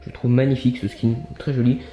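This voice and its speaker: A man's voice: mid-range voice, little pitch movement, quick pace, echoey room, dull audio, over loud music. A young man with a French accent chatting casually while showing his toy collection in an upbeat vlog. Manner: chatty, upbeat, many fillers and asides.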